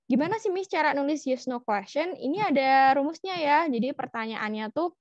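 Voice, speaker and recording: A woman's voice: a little high, no echo. Chatty young woman teacher, dull call audio. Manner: casual, chatty explaining with fillers and English phrases. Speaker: English teacher. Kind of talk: online class lecture.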